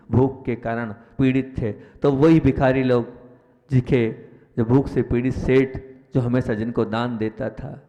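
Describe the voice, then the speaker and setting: A man preaching in a mid-range voice, weaving stories into his sermon. He repeats phrases and lifts his voice to stress a point, and a long reverb trails his words in the hall. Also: darkish tone. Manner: rises in pitch and volume for emphasis, repeats phrases. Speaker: Jain monk. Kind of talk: sermon with storytelling.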